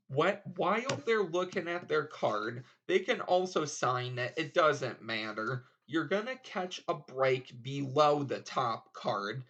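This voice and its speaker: A man's voice: mid-range voice, fairly bright tone, muffled recording. A man presenting a casual card trick tutorial, explaining step by step in an informal way.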